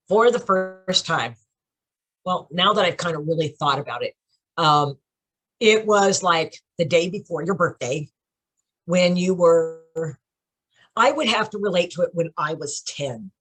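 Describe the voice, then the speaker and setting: A woman's voice: fairly low pitch, expressive, takes it slowly, pauses often, a bit bright. A middle-aged woman, a children's book author, chatting animatedly in an interview over a video call, laughing often and getting emotional. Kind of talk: casual interview.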